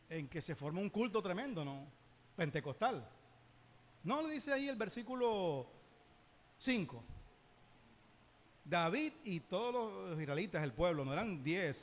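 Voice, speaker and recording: A man teaching a Bible lesson in church, lively, with joking asides and rhetorical questions. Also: sits high, long reverb tail, slight background noise. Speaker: Sunday school teacher.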